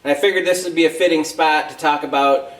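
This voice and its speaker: A man's voice: on the high side, steady tone, quick pace, fairly bright tone, echoey room, recorded from a distance. A middle-aged American man talking casually to camera as a hunting vlog host, conversational and matter-of-fact.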